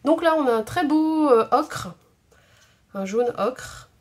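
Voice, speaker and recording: A woman's voice: high-pitched, expressive, takes it slowly, noisy background. A woman hosting a craft video at home, chatting casually and thinking aloud with many hesitations. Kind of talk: casual tutorial chat. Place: home craft table indoors.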